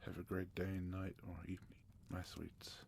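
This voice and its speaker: Man from South Africa, soft-spoken ASMR host, gravelly low voice, faint hiss behind. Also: little pitch movement, normal speed. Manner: soft-spoken, gentle, partly whispered.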